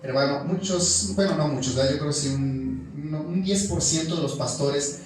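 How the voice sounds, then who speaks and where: Mexican preacher in a very echoey church. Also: male voice, on the high side, moderate pace. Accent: Mexican Spanish. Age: young adult. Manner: storytelling, calls the congregation "hermano" constantly. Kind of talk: sermon. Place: church hall. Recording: echoey church room, mic at a distance.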